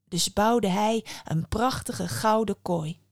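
A woman narrates a fairy tale with calm, measured pacing at an ordinary middle pitch. The recording is close and dry, with no room echo. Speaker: podcast host and storyteller.

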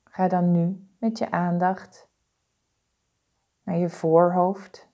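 Slow calm woman doing a body scan meditation, lowish soft-edged mellow voice, lots of pauses. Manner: slow, calm, soothing, deliberate instructions with pauses. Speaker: guided meditation instructor.

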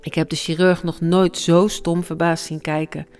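A hushed, reflective memoir narrator. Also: medium pitch, level tone, moderate pace, clear, resonant tone. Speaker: grieving parent narrating. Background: faint music.

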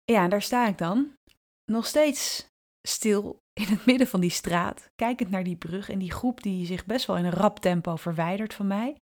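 A woman podcast host telling a personal story in an intimate, vivid way, slowing and drawing out her phrases and dropping into soft asides. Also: medium pitch. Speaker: podcast host and brand strategist.

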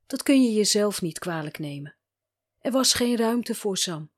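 A woman narrating a first-person story as a coach, speaking calmly and gently and asking probing questions. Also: mid-range voice, a little slow.

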